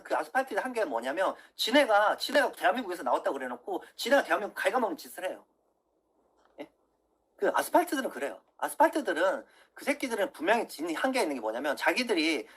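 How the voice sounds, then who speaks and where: A man's voice: high voice, fairly bright tone, husky. A man in his thirties on a livestream, swearing angrily and lecturing his viewers, keeps asking "예?". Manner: profane, angry, keeps asking "예?". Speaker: political YouTuber. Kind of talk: livestream rant.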